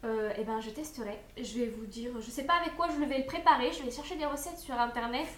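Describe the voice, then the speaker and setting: A woman's voice: a little high, fast talker. A young woman chatting casually as she unboxes and reviews food products, with frequent hesitations and fillers. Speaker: unboxing vlogger. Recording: echoey room.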